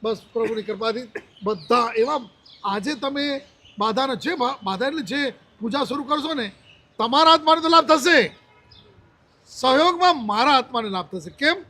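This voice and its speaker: A man's voice: extremely high pitch, animated, normal speed, bright, forceful tone. A man in his seventies, a monk giving a religious discourse, telling a personal story and acting out the dialogue he quotes. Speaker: Jain monk.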